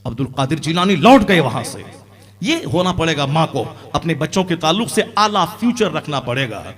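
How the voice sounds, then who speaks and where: A man preaching an impassioned sermon as an Islamic preacher, rising to loud emphatic peaks. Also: a little high, sing-song, normal speed.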